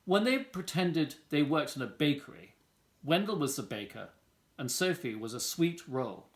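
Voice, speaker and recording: A man's voice: a little high, expressive, moderate pace. A man reading a children's picture book aloud as a storyteller. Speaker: volunteer story reader.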